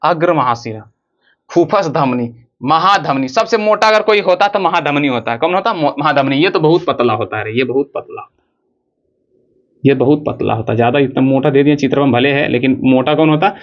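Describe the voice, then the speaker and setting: A man's voice: on the high side, normal speed, lo-fi sound. A man teaching a school biology lesson, drawing as he explains. He asks the class questions and answers them himself, repeating the key words. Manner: drawing on a board while explaining. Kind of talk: classroom lesson on heart and blood flow.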